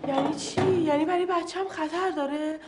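A woman's voice: extremely high pitch, fairly even intonation, noisy background. An actress playing an anxious, talkative pregnant young woman. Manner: worried, talkative.

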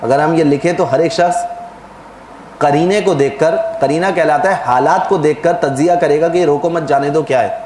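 A man's voice: on the high side, darkish tone, reverberant, a little hiss or hum, low-quality recording. A man giving a religious lecture in a sermon style, explaining at length and putting questions to the audience before answering them himself.

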